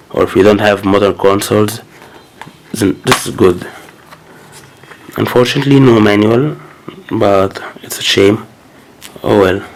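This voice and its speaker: Sick with a cold, a gaming channel host casually unboxes his new game collection, hesitating often with fillers and restarts. His voice is on the low side and creaky, set against a noisy background.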